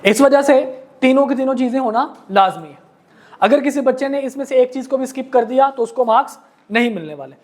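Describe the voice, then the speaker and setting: A man with a Pakistani accent teaches a law class. He explains carefully and patiently, calling his students beta and janab. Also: very high voice. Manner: explains slowly, reads case text word by word. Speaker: law lecturer. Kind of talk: classroom lecture.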